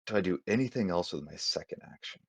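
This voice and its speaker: A man plays in an online board game tournament, thinking aloud in a hesitant, apologetic, self-deprecating way with many fillers. His voice is low, husky, fast, and animated, with no echo.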